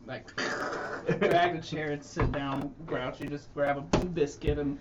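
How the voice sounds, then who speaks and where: A man's voice: a little high, fairly even intonation, measured pace, distant mic. A man playing a tabletop game, describing his character's actions in a matter-of-fact way. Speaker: player. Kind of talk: tabletop role-play. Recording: muffled stream audio with noise.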